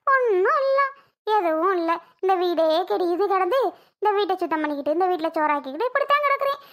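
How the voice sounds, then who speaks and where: A woman's voice: animated, fast. A woman voicing a weepy, wailing old mother. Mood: tearful, aggrieved. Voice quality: wailing, complaining, high and bright. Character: grieving elderly mother, tearful and aggrieved. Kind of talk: animated cartoon voice acting.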